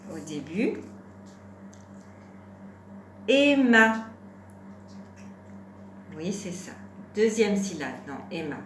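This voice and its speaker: A woman teaching young children a phonics lesson at home, patiently stretching out words to sound each syllable and gently encouraging. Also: low voice, expressive, normal speed, roomy sound, slight background noise.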